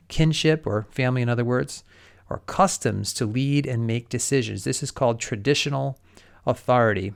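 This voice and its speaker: A man teaching a recorded lesson in a relaxed, conversational way, turning to the listener with everyday examples. His voice is gravelly at the edges yet smooth and resonant. He sits at a middle pitch. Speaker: college lecturer. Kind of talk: recorded explanatory lecture.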